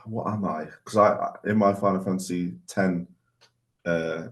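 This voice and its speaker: A man's voice: low voice, steady tone, moderate pace. A man who makes videos, a guest on a podcast, talking casually and thinking aloud. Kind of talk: casual interview chat.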